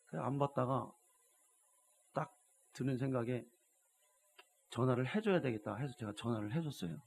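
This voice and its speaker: A man preaching a Sunday sermon in church as pastor, telling stories and swinging from hushed asides to loud exhortation, often prompting the congregation. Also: medium pitch, moderate pace, gravelly, a little hiss or hum. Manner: keeps addressing the congregation with rhetorical prompts.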